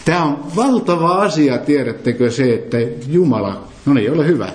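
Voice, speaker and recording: A man's voice: fairly high pitch, expressive, a little hiss or hum. A man preaching an interactive sermon, emphatic, quizzing his listeners with questions. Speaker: preacher leading a Bible study. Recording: roomy echo.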